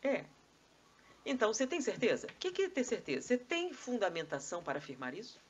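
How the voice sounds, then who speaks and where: Her voice is on the high side, with wildly swooping pitch and a fast pace. She's a Brazilian-accented woman lecturing live at a spiritist society meeting hall, posing rhetorical questions and slipping in conversational asides.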